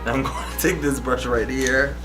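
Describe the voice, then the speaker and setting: A man's voice: mid-range voice, steady tone, normal speed. A giggly, tipsy man doing a makeup vlog in casual chat. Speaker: vlogger following a makeup tutorial. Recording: music playing behind the voice.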